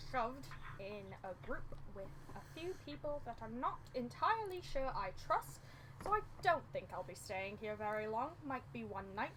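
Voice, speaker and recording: Woman as sly, polite adventurer, bright and fairly high. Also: a little hiss or hum, poor audio. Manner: smooth, sly and overly polite. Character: sly, grinning male adventurer with demonic leanings.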